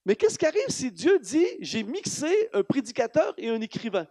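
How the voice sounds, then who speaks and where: A high-voiced man preaching with a Canadian French accent, animated and emphatic, firing off rhetorical questions at his congregation. His voice is recorded close and dry, with little room sound around it. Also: moderate pace, no room sound. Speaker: guest preacher. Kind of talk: sermon. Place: church hall.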